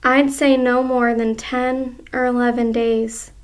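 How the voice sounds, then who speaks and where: A woman's voice: fairly high pitch, level tone, takes it slowly. A woman voicing a nasty, gloating old man who jeers at and taunts his wife. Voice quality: jeering, taunting.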